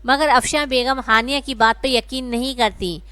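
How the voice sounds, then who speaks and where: A woman narrating a dramatic family story in a steady, expressive reading voice. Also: high-pitched, smooth, dry recording.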